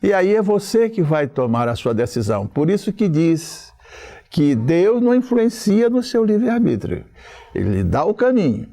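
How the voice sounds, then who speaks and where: An older man lectures in a slow, deliberate way, pausing between short phrases. His voice is gravelly and dark, and his pitch rises and falls a great deal as he stresses points. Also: very animated. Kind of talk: spoken lecture.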